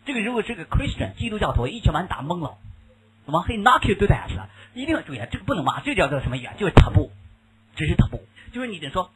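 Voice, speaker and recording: A man's voice: high-pitched, sing-song, rapid-fire, a bit bright, slight background noise, poor audio. A man teaching an English lesson in Mandarin Chinese, mixing in English words and often asking the class questions, with a Mandarin Chinese accent. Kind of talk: classroom lecture.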